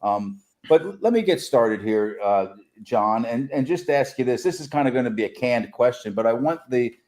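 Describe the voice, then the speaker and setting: A man's voice: mid-range voice, animated, normal speed, darkish tone. A man co-hosting a local podcast, chatty and joking. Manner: joking, chatty, laughs often. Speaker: podcast co-host. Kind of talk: casual chat.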